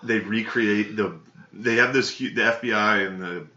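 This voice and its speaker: A man co-hosting a podcast, telling a story in a profane, laughing, casual way, recorded through a laptop at a low sample rate so he sounds tinny. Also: normal speed, pushed and bright, roomy sound. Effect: low sample rate, tinny laptop audio. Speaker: podcast co-host. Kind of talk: casual chat. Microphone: laptop built-in mic.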